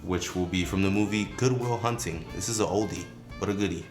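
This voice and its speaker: A man, a creative director, explaining storytelling tips in a relaxed, casual way, with frequent "you know" and "um" fillers. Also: low-pitched, brisk. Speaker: creative director and video host. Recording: echoey room with music underneath.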